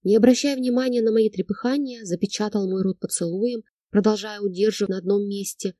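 A woman reading a novel aloud as first-person narrator, in a measured, emotional storytelling manner. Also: mid-range voice, steady tone, warm tone, dry recording, studio quality. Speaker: audiobook narrator.

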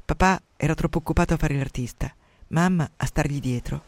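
A man's voice: fairly high pitch, fairly quick, no echo, natural voice. A man doing a self-pitying young patient. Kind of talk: radio story reading.

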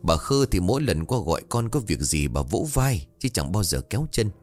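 A man narrating a ghost story, voicing the characters himself with a raised pitch. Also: big pitch swings, moderate pace. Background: faint music.

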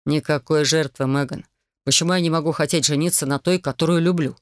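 A woman narrator lowers her voice into a male dragon in human form, calm and sure of himself. He speaks softly and coaxingly, with a teasing edge. The sound is dry and close to the mic. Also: fairly quick, no room sound, natural voice. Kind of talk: audiobook character voice.

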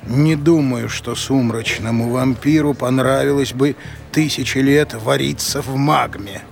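A man playing an ancient, grave undead master in an audio drama, speaking in a measured, ominous way. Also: mid-range voice, steady tone, vocal fry, faint music behind. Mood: wary.

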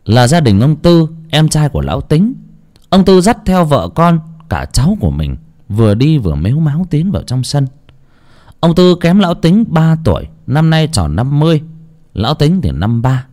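A man narrating a ghost story dramatically, with an expressive, swooping delivery. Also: fairly high pitch, normal speed.

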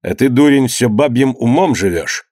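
A man reading an audiobook, voicing a wrathful, domineering old merchant who shouts and scolds in old-fashioned speech. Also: medium pitch, lively intonation, moderate pace, dry recording, studio quality, lightly acted. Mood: furious.

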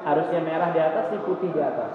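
A man teaching a religious study lecture, lively, often checking with his listeners whether they follow. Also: fairly high pitch, very fast, a crowd in the background. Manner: lively, asks the audience "paham?" often, talks with them. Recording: echoey hall, dull muffled sound, noisy.

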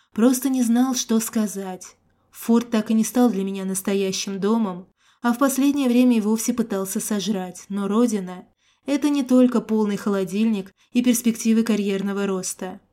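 Mellow-voiced woman audiobook narrator. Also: medium pitch. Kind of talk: first-person audiobook narration.

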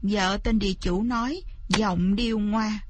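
A woman narrating a folk tale in a calm storybook style. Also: mid-range voice, measured pace, no echo.

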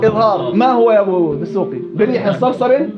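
A man's voice: high-pitched, expressive, fast talker, lo-fi sound. A man teaching a recitation class, quizzing students and repeating words to demonstrate them. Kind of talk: classroom lesson.

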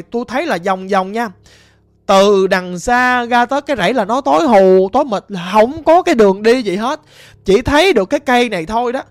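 A woman voicing the ghost of a dead man speaking through a shaman, groaning and muttering low in a ghost story. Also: no echo, lightly acted.

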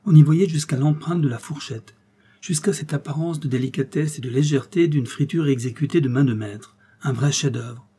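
A man narrating a classic fairy tale in a measured, expressive reading. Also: a little high, breathy edge. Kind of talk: storybook reading.

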